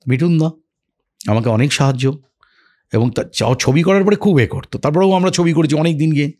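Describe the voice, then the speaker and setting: A man tells stories in a relaxed interview, reminiscing about his career. His voice sits at a middle pitch with a husky edge, and he acts out the lines he quotes. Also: brisk. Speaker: actor as podcast guest. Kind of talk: casual storytelling interview.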